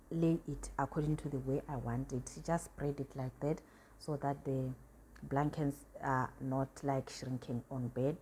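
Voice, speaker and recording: A woman's voice: extremely low pitch, dark tone, a little hiss or hum. A woman cleaning vlogger chatting casually and encouragingly in a voice-over about her home routine. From South Africa.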